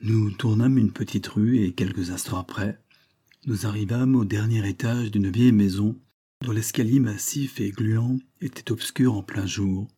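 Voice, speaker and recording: A man reading a classic literary story aloud in a measured, storytelling manner. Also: lowish voice, steady tone, dark tone, breathy edge. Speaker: audiobook reader. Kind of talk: scripted narration of a 19th-century story.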